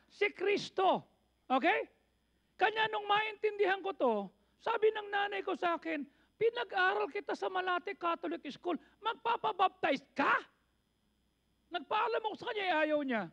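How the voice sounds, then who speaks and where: A man's voice: very high voice, a bit bright. A Filipino man in his sixties, a pastor preaching a sermon with personal testimony, often checking in English that the congregation is following. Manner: mixes in English asides, asks the congregation if they follow. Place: church sanctuary. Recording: dull lo-fi church recording.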